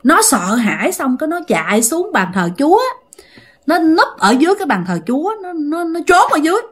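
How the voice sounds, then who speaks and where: A woman's voice: high-pitched, big pitch swings, brisk. A woman with a Southern Vietnamese accent telling a ghost story in a casual, chatty way, talking straight to her listeners. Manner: chatty, addresses listeners directly.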